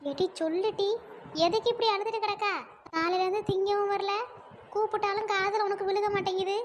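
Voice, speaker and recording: A woman's voice: very high-pitched, steady tone, brisk, a little hiss or hum. A woman voicing a stern, scolding village mother in a cartoon who nags and threatens her daughter. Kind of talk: cartoon dub acting.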